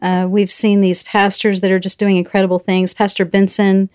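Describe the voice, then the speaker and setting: A woman's voice: mid-range voice, level tone, moderate pace, a little mellow. A middle-aged woman chatting as a guest, telling a story and acting out the voices she quotes. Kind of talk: casual storytelling chat.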